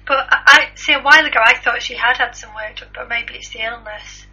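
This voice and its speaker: A woman co-hosting a casual news chat, chatty and quick to agree. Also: fairly high pitch, bright, forceful tone, husky. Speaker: co-host. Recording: muffled lo-fi recording.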